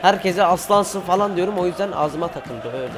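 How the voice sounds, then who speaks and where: A teenage boy from Turkey giving excited football game commentary, cheering on his players and shouting at missed chances. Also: sits high, fairly quick, crowd noise, background noise. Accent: Turkish. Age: teens. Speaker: gaming YouTuber.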